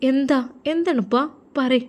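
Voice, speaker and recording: An anxious, devout young woman voiced by the narrator herself pleads in a lifted voice. She speaks in a storybook reading. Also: unhurried. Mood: pleading. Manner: pleading, higher voice.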